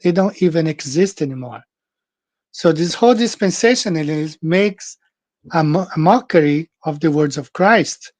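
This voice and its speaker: A man's voice: a little high, a little mellow, no room sound. An earnest man talks through his thoughts in a slightly raised voice, stopping and restarting as he goes. The recording is dry and close, with no room sound around him. He sounds like someone speaking alone to his channel's viewers. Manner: earnest, halting, with many restarts and fillers. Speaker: channel host. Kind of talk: casual monologue on scripture.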